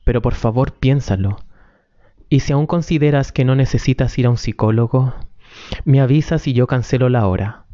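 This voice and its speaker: A man's voice: medium pitch, moderate pace, warm tone, no room sound, lightly acted. A man reading as a pleading, worn-out wife. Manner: earnest, pleading. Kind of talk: amateur script reading. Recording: dull lo-fi recording.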